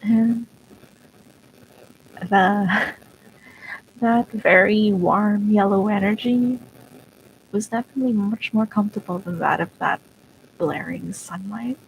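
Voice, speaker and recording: Slow, soft-spoken young woman streamer. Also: mid-range voice, vocal fry, dull audio. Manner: soft, reflective and sentimental, with pauses and small laughs. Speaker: virtual streamer. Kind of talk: casual live-stream chat.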